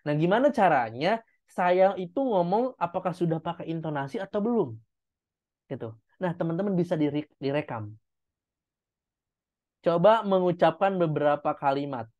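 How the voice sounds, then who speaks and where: A man with a slightly high, a little mellow voice teaches public speaking online, speaking at normal speed but animated and pausing often. He encourages his students, breaking things down step by step with demonstrations, and the video call sound is dull.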